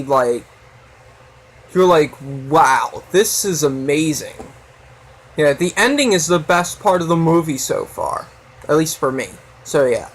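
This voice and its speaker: On a low-quality recording, a video host with a voice on the high side chats casually and rambles, filling his talk with "so yeah" and other fillers.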